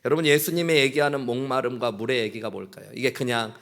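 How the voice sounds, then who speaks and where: A man's voice: medium pitch, steady tone, quick pace, fairly bright tone. A male pastor preaching a sermon in church, earnest, acting out prayers and bits of dialogue. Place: church sanctuary.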